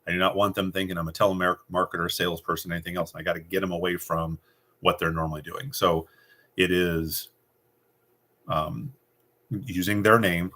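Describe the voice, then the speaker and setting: A middle-aged man with a low, deep voice talks through sales phone calls. He moves between loose, casual explanation and confident, direct sample lines, as if coaching a team of agents. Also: steady tone, moderate pace, sharp tone. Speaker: sales trainer. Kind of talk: casual instructional talk.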